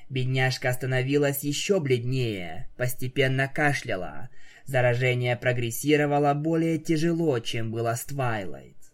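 A man narrating a fan fiction story aloud in an even storytelling delivery. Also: medium pitch.

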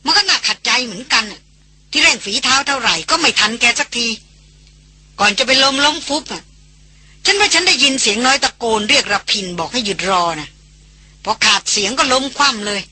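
A woman's voice: high-pitched, lively intonation, moderate pace, sharp tone, pitched above the performer's own voice, full character voice. A woman reading an audiobook voices a hot-tempered man who grumbles bluntly about a trek companion. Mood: irritated.

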